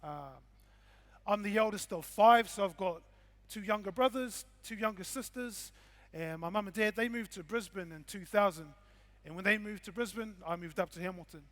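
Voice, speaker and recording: Male speaker, broad Kiwi accent, notably high pitch, laid-back informal presenter using Māori words and slang. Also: moderate pace, a bit bright. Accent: broad New Zealand. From Whanganui, New Zealand. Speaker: conference speaker, game developer and hip-hop artist. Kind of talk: informal motivational talk to an audience.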